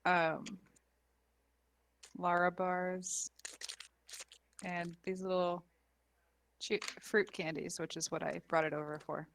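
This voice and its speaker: A woman's voice: fairly low pitch, level tone, takes it slowly, long pauses, a bit bright, slight background noise. A woman chatting and giggling with friends over an online voice call. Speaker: tabletop game player. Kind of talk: casual chat before a game session.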